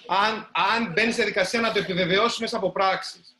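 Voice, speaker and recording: Bright, high-voiced man telling a story. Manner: animated, addresses the audience directly. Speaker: writer giving a talk. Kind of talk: storytelling talk to a live audience. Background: live audience.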